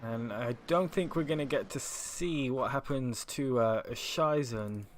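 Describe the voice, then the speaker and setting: A laid-back man co-commenting on a live online race, mostly chiming in with short remarks. His voice sits at an everyday middle pitch. Faint background noise runs under the mic. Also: measured pace. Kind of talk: live sim racing commentary. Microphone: home mic on a stream setup.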